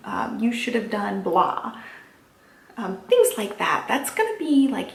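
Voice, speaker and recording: A woman's voice: on the high side, roomy sound. A woman chatting casually and encouragingly as a crafting channel host, keeping her voice down as if not to wake someone. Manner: quiet, held-back talking to avoid waking her baby; encouraging, reassuring. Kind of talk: casual chatty vlog talk.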